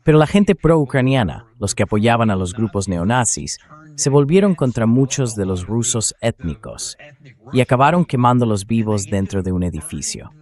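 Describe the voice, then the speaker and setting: This fairly low, sing-song and slightly mellow voice is a synthetic male voice-over. It presents translated political commentary as an interview guest, calm and explanatory.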